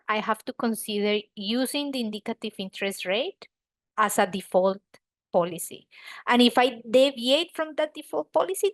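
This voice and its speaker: A woman with a fairly high, slightly bright voice and no echo presents a professional webinar. Like a lecturer, she walks listeners through points in an explanatory, emphatic way, posing questions and then answering them.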